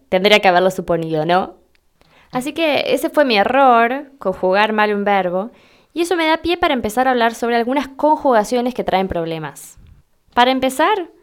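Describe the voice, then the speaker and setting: Young Rioplatense woman, clear resonant voice, teaching verb conjugation and spelling out forms slowly. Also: on the high side. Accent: Rioplatense Spanish. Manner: spells out forms slowly when reading entries aloud. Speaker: Spanish language teacher. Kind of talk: explanatory grammar lesson.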